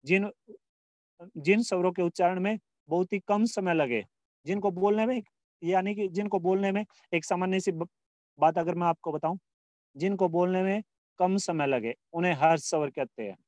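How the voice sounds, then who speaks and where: No echo here: the man's high voice is a little mellow, at a moderate pace. Teaching Hindi grammar in a recorded class, he repeats phrases, restarts often, answers his own questions and stretches vowels to illustrate them.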